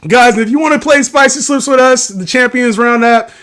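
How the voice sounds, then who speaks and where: A man's voice: very high voice, moderate pace, a bit bright. A man co-hosting a casual sports betting livestream, laughing often and teasing his partner. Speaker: livestream co-host.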